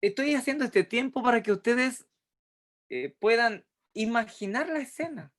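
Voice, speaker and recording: A woman's voice: on the high side, lively intonation, normal speed. A middle-aged woman with a Chilean accent teaches a Bible lesson, asking her group questions and acting out the lines of the story. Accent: Chilean Spanish.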